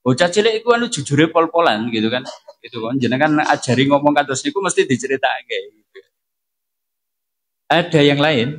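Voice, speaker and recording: A man leads a religious study group and answers the audience's questions. His voice sits a little high for a man. He talks in a relaxed, conversational way, slips in regional words and keeps tossing rhetorical questions back at his listeners. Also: brisk. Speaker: preacher.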